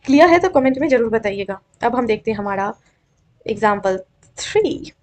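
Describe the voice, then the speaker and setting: A woman's voice: fairly high pitch, lively intonation, moderate pace. A young woman teaching an exam-prep grammar lesson, coaxing and checking often that students follow. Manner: coaxing, repeatedly checks understanding.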